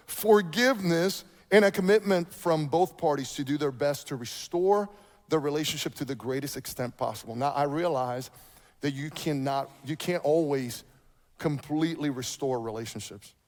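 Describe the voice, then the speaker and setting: A pastor preaching a sermon, animated and repeating his key points. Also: on the high side, long reverb tail. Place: church sanctuary.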